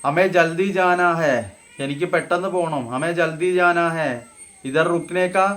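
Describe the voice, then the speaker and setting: A man teaching everyday phrases, saying each example slowly and then explaining it. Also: fairly high pitch, steady tone, a bit bright. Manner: slow, deliberate model phrases, then explained in Malayalam. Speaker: Hindi teacher. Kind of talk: casual spoken-Hindi lesson.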